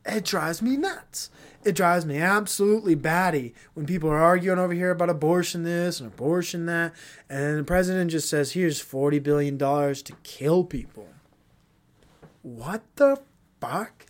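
A man's voice: on the high side, moderate pace. Profane young man ranting on a podcast. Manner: profane, ranting, heated then mumbling. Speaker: podcast host. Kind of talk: solo podcast rant.

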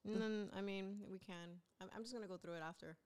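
A woman in her twenties co-hosting a casual podcast, chatty and teasing, quick to laugh. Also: mid-range voice, fairly even intonation, a little mellow, clear, resonant tone. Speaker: podcast co-host. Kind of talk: casual chat.

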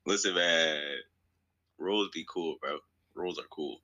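A young man chatting casually in a group, animated and slangy, often laughing. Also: low-pitched, slow, highs cut off.

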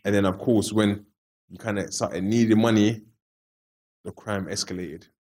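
A man's voice: on the low side, fairly even intonation, moderate pace, a little mellow. A man with a London roadman accent, telling stories casually in street slang as an interview guest and acting out the dialogue.

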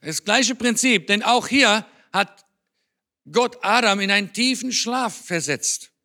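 A man preaching in a church with a fairly high, bright voice. He talks to the congregation in an earnest, conversational way, as if chatting with them. His tone is forceful and clear. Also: expressive, slow pace. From Germany. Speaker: speaker on Israel at a church. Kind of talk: sermon.

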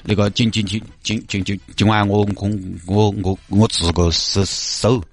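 A man's voice: lowish voice, fairly even intonation, moderate pace, no echo, natural voice. A man playing a nervous stand-in who stammers heavily as he speaks to police. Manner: heavy stutter, nervous. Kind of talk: comedy skit.

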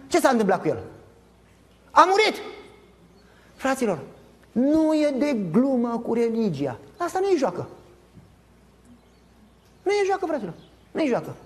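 Un pastor de vârstă mijlocie care predică animat, cu întrebări retorice către adunare și replici jucate. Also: male voice, very high-pitched. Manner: animated, emphatic preaching with acted-out dialogue; addresses congregation directly with rhetorical questions. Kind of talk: sermon.

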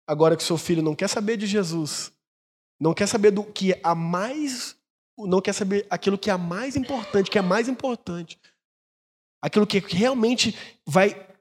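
High-voiced husky male pastor preaching. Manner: storytelling, acts out quoted dialogue. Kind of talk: sermon. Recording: long church reverb.

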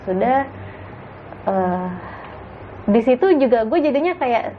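Woman telling a hushed spooky tale. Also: fairly high pitch, expressive, slow pace, a little hiss or hum, low-quality recording. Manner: hushed, suspenseful retelling with acted quotes. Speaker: guest storyteller. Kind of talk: casual story of a spooky hike.

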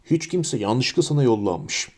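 A man voicing a blustering, bad-tempered middle-aged uncle in an audiobook, gruff and barking. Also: medium pitch, lively intonation, brisk, warm tone, lightly acted. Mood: curt.

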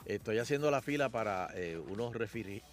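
A man hosts a radio talk show, telling anecdotes in a loose, lively way. His pitch moves around freely as he chats. Music plays faintly behind him. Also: moderate pace. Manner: laughing storyteller, mimics others in English. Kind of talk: casual radio chat.

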